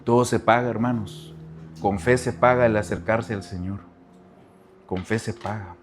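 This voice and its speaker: A man pastor preaching a sermon, dropping to soft low asides and rising to loud cries, talking straight to the congregation and repeating phrases. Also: fairly even intonation, moderate pace.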